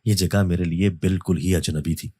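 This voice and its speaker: A man reading a first-person horror story as a storyteller, in a steady, even manner. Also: deep voice, dry recording, clean studio sound. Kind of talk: scripted narration of a horror story.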